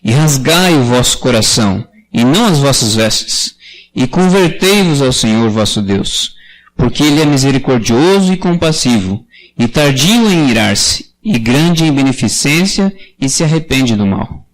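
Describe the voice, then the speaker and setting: A man in a church congregation reading a Bible passage aloud, slowly and steadily. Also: medium pitch, lively intonation, rough recording. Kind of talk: slow scripture reading aloud. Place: church prayer meeting.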